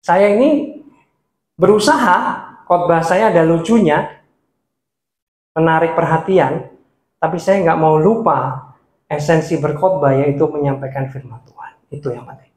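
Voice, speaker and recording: Animated high-voiced man teaching preaching. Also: measured pace, pauses often. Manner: animated, swings pitch up and down, laughs often. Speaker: preaching trainer. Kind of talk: lively workshop teaching. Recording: echoey room sound.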